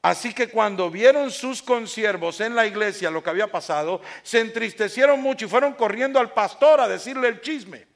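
Lively preacher man. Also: high voice, normal speed, hardly any pauses. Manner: lively preaching with rhetorical questions and acted-out anecdotes. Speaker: pastor. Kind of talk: sermon.

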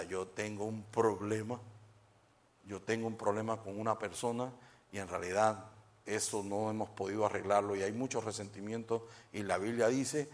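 A man's voice: on the low side, a little hiss or hum. A male pastor preaching a sermon, conversational and humorous, often checking in with his congregation.

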